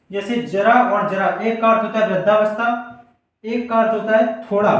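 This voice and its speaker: A male Hindi teacher giving a board lesson for exam students, asking rhetorical questions and repeating example words slowly. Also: very high voice. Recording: very echoey room, mic far off.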